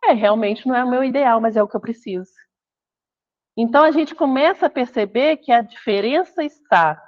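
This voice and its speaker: A Brazilian woman with a fairly high voice gives a spiritist lecture in a relaxed, conversational way. She slips into the voices of the people she quotes. The recording sounds dull and lo-fi. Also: normal speed. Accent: Brazilian Portuguese. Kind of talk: spiritist talk.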